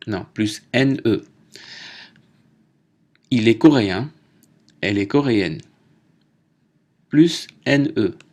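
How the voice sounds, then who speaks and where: A man teaching a French lesson, slowly reading word pairs aloud, spelling out endings and correcting himself. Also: on the low side. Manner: deliberate, spells out and repeats words; self-corrects mid-list. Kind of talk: slow, careful language lesson.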